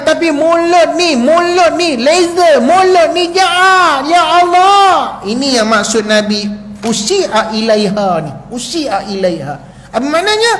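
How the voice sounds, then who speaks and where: A Malaysian Malay man giving a mosque lecture as a religious teacher, lively and joking, acting out quarrels between husband and wife. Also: very high-pitched, slight background noise. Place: prayer hall. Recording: echoey hall recording.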